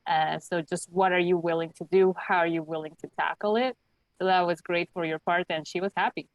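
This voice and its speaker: A woman's voice: fairly low pitch, fairly even intonation, brisk, dry recording, dull audio. A woman hosting a video call panel and giving encouraging feedback. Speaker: panel host.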